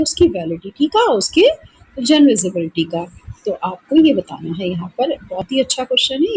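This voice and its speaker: A woman teacher with an Indian English accent, reading exam questions slowly in English and then explaining them in Hindi. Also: a little high, darkish tone, a little hiss or hum, poor audio.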